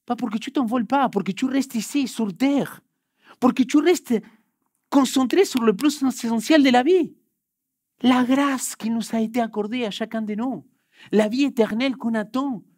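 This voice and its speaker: A young pastor, a native Spanish speaker with a Spanish accent, preaches a sermon and shares a personal story, swinging between loud, urgent bursts and hushed, quiet passages. His voice is very high-pitched and husky, at a moderate pace. Though set in a church hall, the recording has no echo and studio quality.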